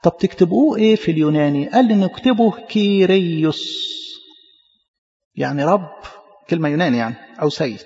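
A man with an Egyptian Arabic accent preaches at a quick clip, his voice high and gravelly. He explains with emphasis and stumbles on repeated syllables. The recording is muffled and carries a long hall echo. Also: lively intonation, dark tone. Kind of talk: sermon teaching.

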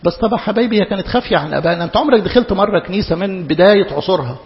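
Male preacher, Egyptian Arabic accent, fast impassioned sermon, echoey hall, dull lo-fi recording. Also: sits high, gravelly. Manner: impassioned, rhetorical, questions the audience.

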